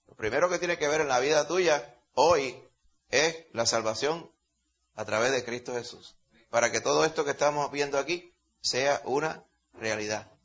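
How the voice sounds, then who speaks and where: A man's voice: medium pitch, normal speed, a bit bright. A man preaching a Bible-teaching sermon in a conversational way, often calling listeners brother. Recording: dull lo-fi sound.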